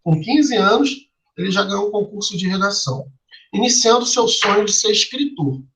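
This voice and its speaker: A man's voice: high-pitched, animated, normal speed, a bit bright, rough recording. A male teacher explaining a lesson step by step to a class, asking them questions and tagging his lines with "né?" and "tá?". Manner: tags lines with "né?" and "tá?".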